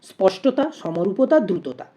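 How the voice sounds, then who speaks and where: A woman's voice: mid-range voice, big pitch swings, moderate pace, dark tone, dull audio. A woman teaching an exam-prep lesson. She reads out multiple-choice questions and options, then explains each answer step by step and poses rhetorical questions.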